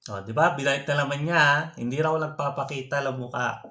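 A man's voice: medium pitch, fast talker, sharp tone. A man talking casually on a livestream, taunting a rival and laughing often. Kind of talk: reaction livestream talk.

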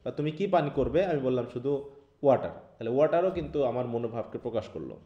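A man's voice: mid-range voice, expressive, a little fast, mellow, dull audio. A man with a Bangladeshi Bengali accent teaching an online English class, explaining step by step and keeping the students involved with questions. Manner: keeps checking in with students by asking questions. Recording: echoey room.

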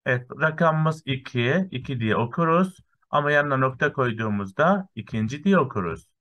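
Male primary teacher, patient, counts step by step, slow lesson for small children. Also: mid-range voice, lively intonation, a bit bright, lo-fi sound. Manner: counts through lists step by step, often saying "sevgili öğrenciler".

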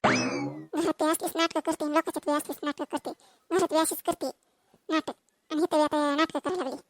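Bossy village gal played by a woman, squeaky high, snaps people quiet. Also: very animated. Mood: scolding. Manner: brisk scolding comfort. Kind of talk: dubbed cartoon voice.

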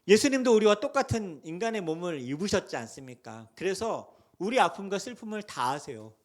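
A male pastor preaching a Sunday sermon with passion, asking the congregation questions and swinging between hushed lows and loud cries. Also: very animated, brisk. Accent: Seoul Korean.

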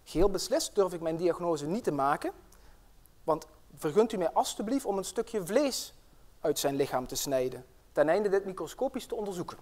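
A man's voice: high voice, lively intonation, moderate pace, darkish tone. A man voicing an earnest young country doctor from the 1890s in a read-aloud fairy tale.

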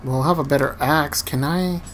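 A man's voice: on the high side, normal speed, fairly bright tone, a little hiss or hum. A man hosting his own gaming channel, giving casual play-by-play commentary, slightly nervous and stumbling, grumbling and muttering at the enemies he fights. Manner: self-deprecating, a bit nervous and stumbling. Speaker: gamer channel host.

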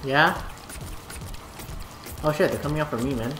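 A woman's voice: deep voice, moderate pace, reverberant, over music, rough recording. A woman playing a co-op video game at home, chatting casually and playfully humming little sound effects. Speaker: co-op gameplay player. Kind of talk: casual gameplay chat.

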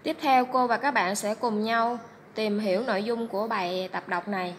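A woman primary school teacher giving a reading lesson to first graders, reading aloud and spelling out words slowly and clearly. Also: a little high, steady tone, slight background noise. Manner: slow, clear, syllable-by-syllable teaching delivery.

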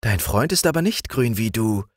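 A man's voice: fairly low pitch, animated, normal speed, dry recording, clean studio sound, pitched above the performer's own voice. A man voicing a sweet, chirpy nightingale princess in a storybook reading. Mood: joyful. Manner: light, chirpy.

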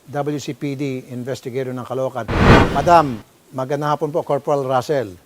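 A man's voice: mid-range voice, fairly even intonation, moderate pace, heavy background noise. A man with a Filipino accent hosting a public-service show, questioning people sternly and scolding them. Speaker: host. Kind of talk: confrontational public-service broadcast.

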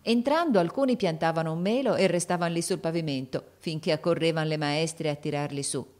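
The audiobook narrator is a deep-voiced woman reading a classic novel briskly and with expression. Her voice lifts for the characters' shouts.

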